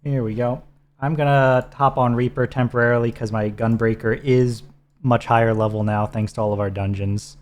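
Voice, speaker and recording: A man's voice: mid-range voice, moderate pace. A man co-hosting a game stream, casually walking a teammate through menus and gear. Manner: relaxed, instructive, talks teammate through menus. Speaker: streamer co-host. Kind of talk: casual gameplay chat.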